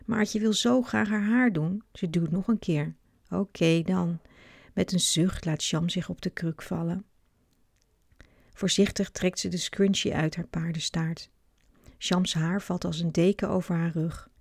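A woman reading a children's book aloud with clear, expressive narration. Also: on the low side, measured pace, no echo, studio quality. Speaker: storyteller.

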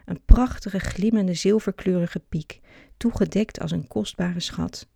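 A narrator calmly reading a children's story aloud. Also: mid-range voice, a little slow, gravelly.

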